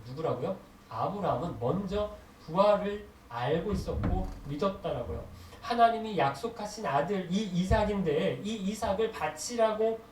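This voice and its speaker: A man preaching a sermon as pastor, posing questions to the congregation and answering them, slowing down to stress key phrases. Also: sits high, a little mellow. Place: church sanctuary. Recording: echoey hall from a distance with noise.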